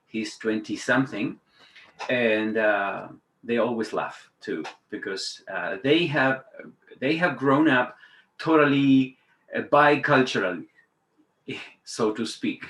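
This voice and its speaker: A man in his fifties from Patagonia, Argentina, a native Spanish speaker and teacher trainer, chats informally and hesitantly as a guest speaker on a webinar, adding conversational asides. His mid-range voice is slow and fairly bright. He's indoors on a video call, and the webinar audio is roomy and echoey.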